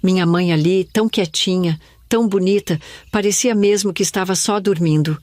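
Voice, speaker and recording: A woman's voice: fairly low pitch, moderate pace, a little mellow, dry recording, clean studio sound. Older woman narrating a somber memory. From Brazil. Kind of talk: scripted first-person narration.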